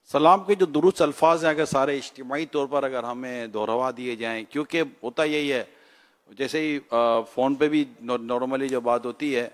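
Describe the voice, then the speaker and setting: A man's voice: medium pitch, big-room sound. A man asking a question at a religious gathering, a little hesitant, with fillers.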